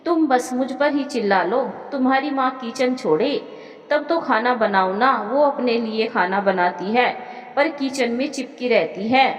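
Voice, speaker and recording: A woman's voice: on the high side, a little slow, highs cut off, lightly acted. A woman voicing a sulky young wife defending herself and complaining about her mother-in-law, in a long echoing reverb.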